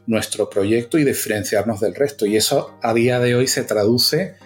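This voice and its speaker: A middle-aged man with a Venezuelan-Canarian lilt talks eagerly about his work, tossing in quick check-ins with the listener. His pitch sits in a mid register, and soft music plays faintly underneath. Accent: mixed Venezuelan and Canarian Spanish. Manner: enthusiastic, frequent tag questions. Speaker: guest, agency founder. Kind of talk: casual interview.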